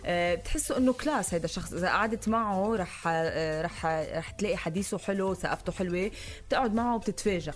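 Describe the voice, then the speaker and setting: Very fast-talking Lebanese woman on radio. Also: on the low side, soft background music. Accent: Lebanese Arabic. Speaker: radio show co-host. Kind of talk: casual on-air banter.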